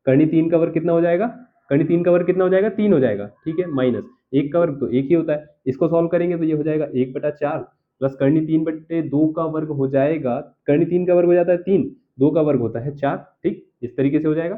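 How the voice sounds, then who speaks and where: A man teaching a school math lesson, working through each step aloud and often checking in with the class. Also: on the high side. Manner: talks himself through each step, keeps checking "theek hai sir". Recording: tinny phone-like audio.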